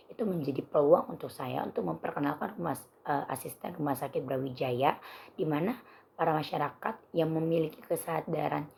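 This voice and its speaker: Young woman, hoarse n low, gravelly, doing a student presentation. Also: a little mellow. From Indonesia. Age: young adult.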